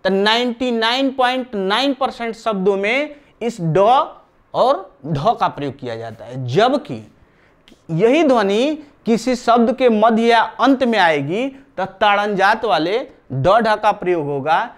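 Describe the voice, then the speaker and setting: Slow, explanatory male grammar teacher. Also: sits high, expressive. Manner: slow, explanatory, repeats key terms. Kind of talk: live online grammar class.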